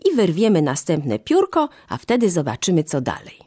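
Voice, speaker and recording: A woman's voice: fairly low pitch, huge pitch swings, moderate pace, warm tone, slightly rough, no echo, clean studio sound, full character voice. A woman voicing a doubting poor mother. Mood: doubtful.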